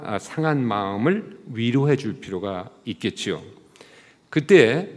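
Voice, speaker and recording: A man's voice: medium pitch, in a large hall. A man, a professor, giving a sermon-style talk at a church service, asking the listeners rhetorical questions and acting out short quoted lines. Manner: acts out the quoted lines of mother and child.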